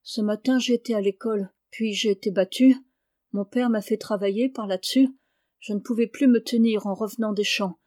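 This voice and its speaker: Woman doing a weak quiet farm boy, soft storybook voice. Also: medium pitch, steady tone, moderate pace, no echo, clean studio sound, natural voice. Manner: faint, quiet. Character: weak hungry studious peasant boy.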